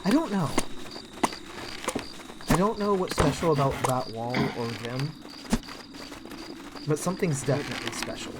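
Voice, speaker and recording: Casual gameplay streamer, lively inflection, dry joker, noisy stream audio. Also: medium pitch, normal speed, pauses often. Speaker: streamer playing a strategy game.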